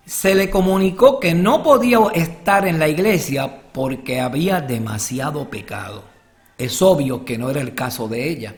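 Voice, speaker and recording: A man narrating and commenting in a measured, formal way, carefully marking his quotations. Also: fairly high pitch, lively intonation. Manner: measured, formal, quotes sources. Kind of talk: scripted narration.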